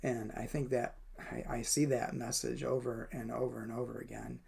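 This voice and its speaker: A man's voice: mid-range voice, little pitch movement, normal speed, vocal fry, darkish tone, slightly rough. A man reading a daily devotional and sharing his own thoughts, speaking thoughtfully with frequent hesitations and fillers. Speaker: devotional reader and commentator. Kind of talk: reflective spoken devotional.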